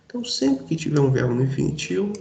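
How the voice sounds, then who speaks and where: A man's voice: on the high side, lively intonation, fast, vocal fry, darkish tone, reverberant. A man teaching a Portuguese grammar lesson in a casual, informal way, checking in with his students often. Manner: informal, addresses students directly with frequent checks.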